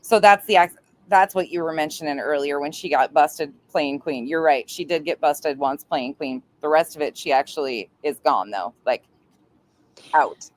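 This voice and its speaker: A woman's voice: low voice, moderate pace, a little hiss or hum. A woman hosts a casual livestream from home and chats with her viewers. She teases, mocks and swears freely as she talks. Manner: chatty, mocking, swears freely. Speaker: livestream host.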